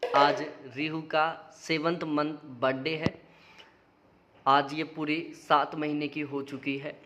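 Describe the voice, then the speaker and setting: A man's voice: fairly high pitch, little pitch movement, slow, background noise. A young man, a father, explaining patiently to camera in a parenting vlog and coaxing his baby. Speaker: father and vlogger.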